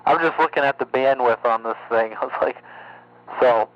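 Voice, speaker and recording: A man with a mid-range voice chats casually on air as a CB radio operator at a moderate pace, swearing here and there. His signal sounds slightly mistuned and off frequency, coming through dull, lo-fi radio with a faint hum, and the recording itself is dry.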